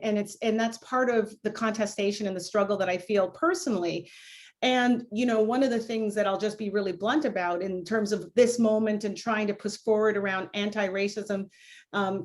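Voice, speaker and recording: A woman born in Jamaica and raised in Canada, a law school dean answering on a video panel in a reflective, candid way with many "you know" fillers. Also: mid-range voice.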